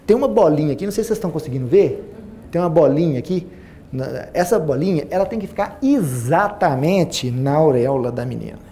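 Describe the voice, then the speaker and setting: Man, Minas Gerais accent, forties, surgeon lecturing, lapel mic, auditorium, warm low voice, faint hum. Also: a little fast. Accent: Brazilian Portuguese, Minas Gerais. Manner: animated, repeats phrases for emphasis, acts out patients' quotes. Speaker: plastic surgeon giving a talk. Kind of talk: lively seminar talk to an audience. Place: auditorium stage with a large audience.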